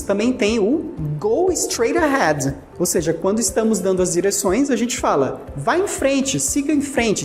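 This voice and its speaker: A woman with a Brazilian Portuguese accent teaching an English lesson, patiently explaining and repeating words slowly for pronunciation drills. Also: mid-range voice, darkish tone. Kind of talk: recorded language lesson.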